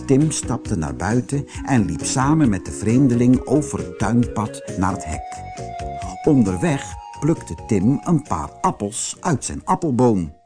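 A man reading a fairy tale audiobook as narrator, slow and very expressive. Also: medium pitch, music in the background.

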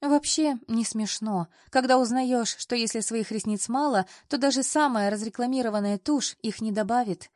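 A woman reading the part of a flustered, clumsy young female assistant in an audiobook, excitable and embarrassed. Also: on the high side, no echo, clean studio sound, close to an everyday voice. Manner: excitable, embarrassed, quick to protest.

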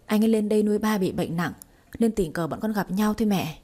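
A woman's voice: mid-range voice, quick pace, warm tone, slightly rough, close to an everyday voice. A woman voicing a timid, frightened young woman who stammers and pleads, in an audiobook reading. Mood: pleading.

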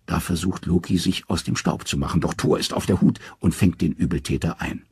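Deep, raspy, dramatic audiobook narrator man. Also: fairly quick, darkish tone, no room sound, clean studio sound. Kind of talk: scripted storybook narration.

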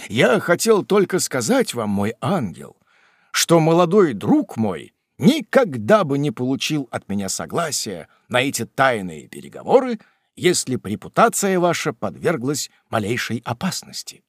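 A man doing an excitable, courtly old gentleman. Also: medium pitch, slightly rough, no echo, studio quality.

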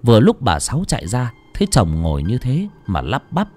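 Expressive, husky male story narrator. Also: medium pitch, fairly quick. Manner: dramatic and expressive. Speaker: audiobook narrator. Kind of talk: scripted horror story narration.

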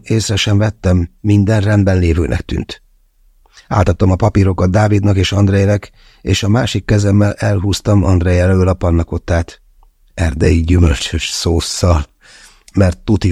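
A man's voice: fairly low pitch, vocal fry, mellow, slightly rough, no echo, clean studio sound. A man narrating a novel in the first person as an audiobook, in a wry storytelling manner.

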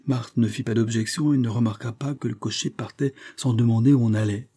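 A man giving a steady, literary narration of a novel as an audiobook reader. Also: medium pitch, fairly quick, breathy edge.

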